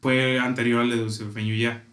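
A man's voice: mid-range voice, little pitch movement, normal speed, a bit bright. Slangy Mexican man, echoey room. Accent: Mexican Spanish. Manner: enthusiastic, slangy storytelling. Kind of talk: casual chat.

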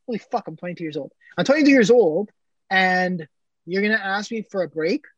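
A man's voice: sits high, lively intonation, brisk, no room sound, dull audio. Twenties male podcast co-host, emphatic and repetitive in argument, dry close sound. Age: 20s. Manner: emphatic, repeats himself when arguing. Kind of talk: casual chat.

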